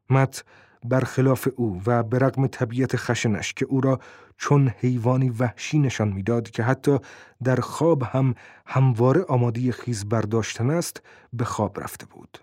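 A man narrating a novel in steady, measured scripted reading. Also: medium pitch, no room sound, studio quality.

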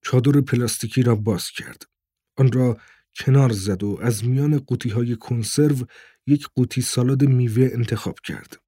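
Husky man reading an audiobook. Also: mid-range voice, dark tone, no echo, studio quality. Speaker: audiobook narrator. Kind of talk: scripted narration.

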